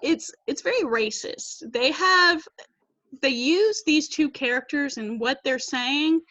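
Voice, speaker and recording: High bright-voiced woman teaching online. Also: slow pace, no echo. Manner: explains patiently, reads quotes aloud. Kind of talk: online class lesson. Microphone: laptop mic on video call. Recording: dull lo-fi video call audio.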